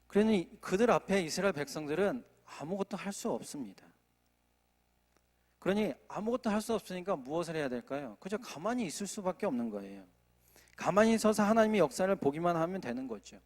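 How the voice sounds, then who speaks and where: A man's voice: sits high, animated, brisk, darkish tone, in a large hall. A male associate pastor preaching a sermon at a Friday prayer service, earnest, often asking the congregation rhetorical questions. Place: church sanctuary.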